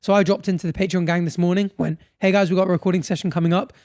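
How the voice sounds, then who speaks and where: Male podcast co-host, high and excitable, jokey, dry close sound. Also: very fast, dry recording. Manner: excitable, laughs a lot, jokey. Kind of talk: casual chat.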